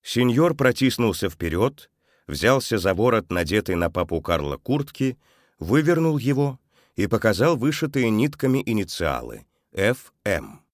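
A male storyteller with a low, deep voice reads a children's tale aloud. His delivery is expressive and grows softer at the sad moments, recorded close and dry. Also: measured pace, no echo. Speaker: narrator.

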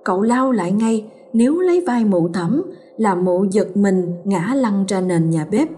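A woman narrating a horror story in a steady, dramatic storytelling manner. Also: mid-range voice, a little slow, slight background noise. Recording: faint background music.

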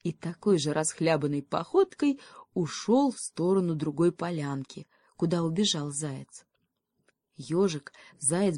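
A woman narrating a children's storybook in a calm, even manner. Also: lowish voice, no echo.

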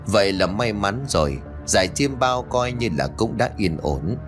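A calm feng shui master explaining in a low, unhurried voice, as a male storyteller puts him on. His pitch moves freely, and faint music runs underneath. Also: natural voice. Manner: measured, explaining.

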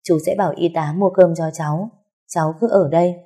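A woman voicing an older man, a worried, grieving uncle who speaks softly and haltingly in a storybook reading. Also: lowish voice, steady tone, husky. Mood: gentle.

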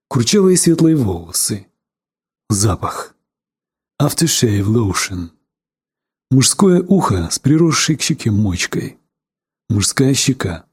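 A man's voice: medium pitch, a little mellow, slightly rough. A man reading a novel aloud in terse, clipped sentences, lightly voicing the characters' lines. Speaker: audiobook narrator. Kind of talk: scripted narration of a novel.

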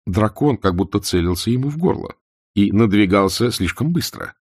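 Deep-voiced man narrating an audiobook. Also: normal speed, slightly rough, no echo, clean studio sound. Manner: expressive, voices each character. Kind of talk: scripted narration.

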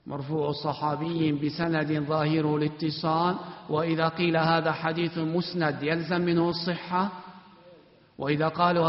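A man teaching an Islamic study class, quizzing students one by one in a commanding, brisk way with a sometimes chant-like delivery. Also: on the high side. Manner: commanding, brisk orders to stand and sit. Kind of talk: classroom question and answer. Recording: echoey hall, dull lo-fi sound.

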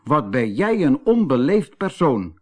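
A man voicing a cheeky, boastful young male rabbit trickster in a storybook, squeaky and bossy. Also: expressive, measured pace, a little mellow. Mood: puzzled, indignant. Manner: squeaky, bossy and pleading by turns.

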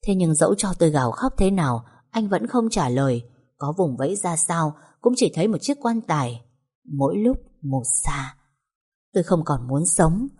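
Breathy woman narrating a sad story. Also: fairly low pitch, dark tone. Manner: slow, sorrowful storytelling. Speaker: audiobook narrator. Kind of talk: first-person story narration.

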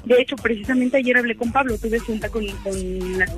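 A woman's voice: on the high side, normal speed, soft background music. A woman calling in to a radio show on the phone, chatty and agreeable. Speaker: caller. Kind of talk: casual chat on a radio call. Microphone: phone call.

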